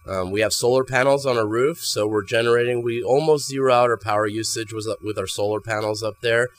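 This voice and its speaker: A barbershop owner chats casually in an interview inside his small shop, often repeating words while he thinks. His mid-range voice is steady and fairly quick, recorded on a handheld mic held by the interviewer.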